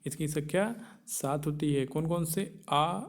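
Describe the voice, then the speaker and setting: Guy teaching exam grammar, asks then answers his own questions, kinda high, warm dark tone. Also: unhurried. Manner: repeats key points for exam answers. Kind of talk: exam-prep grammar lesson.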